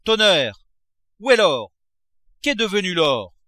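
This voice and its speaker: A man voicing a furious, miserly old father who shouts and mocks. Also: medium pitch, unhurried, no room sound. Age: older. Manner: shouting, explosive, mocking.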